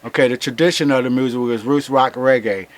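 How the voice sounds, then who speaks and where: A man's voice: mid-range voice, fairly even intonation, brisk. A man speaking as an interview guest in informal, impassioned Rasta-style reasoning, repeating phrases emphatically like a preacher.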